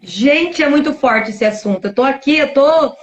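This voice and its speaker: A woman's voice: high-pitched, lively intonation, moderate pace. A woman with a Brazilian Portuguese accent hosts a live-stream interview and speaks with emotion, often exclaiming. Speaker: host.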